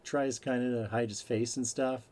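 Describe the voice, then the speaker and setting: A man's voice: mid-range voice, fairly even intonation, normal speed, darkish tone. A man co-hosting a podcast, easily recapping a film's plot in casual chat. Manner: recaps plot at length, easygoing. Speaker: podcast co-host. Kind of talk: casual movie review chat.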